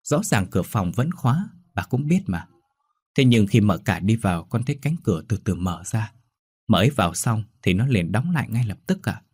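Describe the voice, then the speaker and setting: A man's voice: fairly low pitch, very animated, moderate pace, darkish tone, husky, no echo. A man voicing a frightened young servant girl who stammers and pleads in a ghost story. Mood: anxious. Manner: stammering, fearful.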